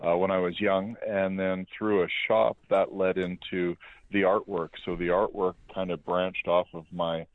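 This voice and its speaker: Very low male voice, middle-aged, from Canada, tinny phone sound, relaxed rambling. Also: moderate pace, no room sound. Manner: relaxed, rambling with many fillers. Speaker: guest, metal fabricator and speed shop owner. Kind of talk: casual interview chat.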